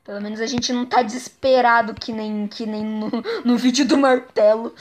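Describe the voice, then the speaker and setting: A young woman with a Brazilian Portuguese accent giving excitable, playful let's-play commentary, teasing and squealing as she plays. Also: a little high, a little slow. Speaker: gaming YouTuber.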